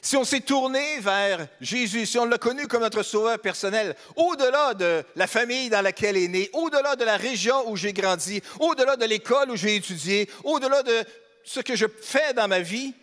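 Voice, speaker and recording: This man's voice is extremely high and a little bright, going at a normal speed. He's a pastor from Beauce, Quebec, with a Québécois French accent, giving a relaxed, funny sermon in a church hall and asking the congregation questions. Long hall reverb surrounds him.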